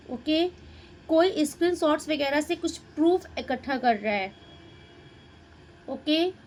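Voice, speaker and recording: High-voiced woman giving a tarot reading. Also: a little hiss or hum, rough recording. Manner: Hindi-English mix, addresses viewer directly, muses over cards. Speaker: tarot reader.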